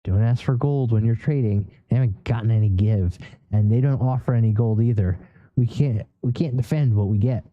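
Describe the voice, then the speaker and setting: A man's voice: on the low side, a little fast, no echo, highs cut off, close to an everyday voice. A man voicing a shrewd male gambler who speaks matter-of-factly and hands out advice. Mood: advising. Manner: matter-of-fact, advising. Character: shrewd male gambler at a camp, sharp-eyed.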